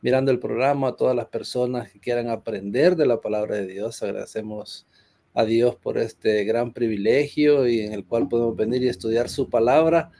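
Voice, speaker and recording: A man's voice: medium pitch, fairly even intonation, moderate pace, mellow. A man from Honduras, a pastor, speaking earnestly in a conversational church discussion with frequent hesitations.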